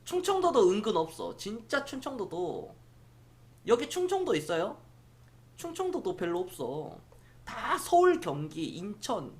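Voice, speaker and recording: A man's voice: sits high, wildly swooping pitch, moderate pace, a little mellow. A middle-aged man from Jeolla province, chatting casually on a stock-market live stream, rambling and answering viewers' comments aloud. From Jeolla province, South Korea.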